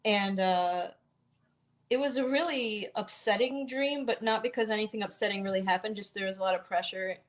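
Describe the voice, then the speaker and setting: A woman's voice: medium pitch, normal speed. Thirties woman co-host, chatty and gushy, piles on the praise. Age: 30s. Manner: gushing, effusive praise. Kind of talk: casual chat.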